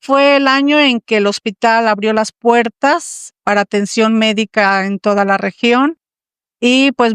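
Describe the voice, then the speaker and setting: Smooth-voiced Mexican woman in her sixties. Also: on the high side, no room sound. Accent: Mexican Spanish. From Tampico, Mexico. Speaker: guest. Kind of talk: personal testimony.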